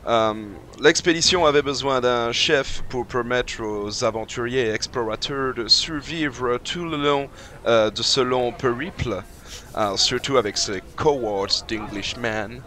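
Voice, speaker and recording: A man's voice: medium pitch, unhurried, bright, forceful tone. A man playing a boastful celebrity chef in a tabletop game, pompous and dropping phrases into his speech. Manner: pompous, self-important, mixing English phrases. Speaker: player. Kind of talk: tabletop role-play in character.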